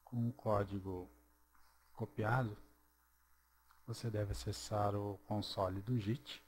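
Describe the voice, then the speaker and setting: A man narrating a screen-recorded programming tutorial, walking through each step slowly and checking in with "ok?". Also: lowish voice, fairly even intonation, breathy edge. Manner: slow, step-by-step, checks in with "ok?" and "certo?".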